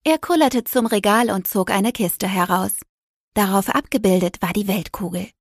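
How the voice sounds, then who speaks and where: A woman narrating a children's story with gentle, lively storytelling. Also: medium pitch, moderate pace, no echo, clean studio sound.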